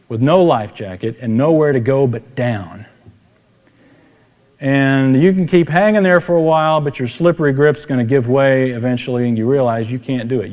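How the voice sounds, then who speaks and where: A man's voice: medium pitch, a little mellow. Folksy male preacher in an echoing hall. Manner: folksy, conversational, with repeated phrases for emphasis. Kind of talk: sermon with personal storytelling. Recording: reverberant hall.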